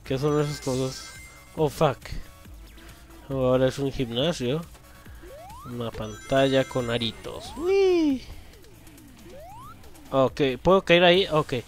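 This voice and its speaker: A young man, commentating a video game as he plays, swearing loudly and laughing often at what happens on screen. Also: mid-range voice, big pitch swings, slow, pauses often, faint music behind. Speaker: gameplay commentator. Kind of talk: let's play commentary.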